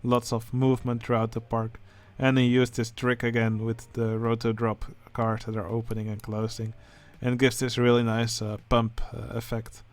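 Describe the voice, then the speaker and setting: Man, Dutch accent, casual game commentary, hesitant, flat intonation. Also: medium pitch, normal speed, few pauses. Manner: hesitant, many filler sounds. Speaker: channel host judging a building contest.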